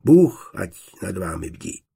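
A man's voice: low-pitched, very animated, gravelly, mellow, breathy edge, full character voice. A man voicing a stern old cleric. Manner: stern, admonishing. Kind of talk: audiobook character voice.

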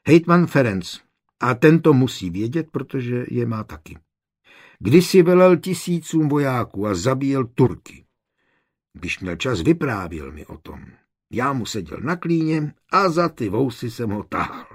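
A man voicing a shy, cautious little boy in an audiobook, speaking earnestly and in a slightly husky voice. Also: mid-range voice, very animated.

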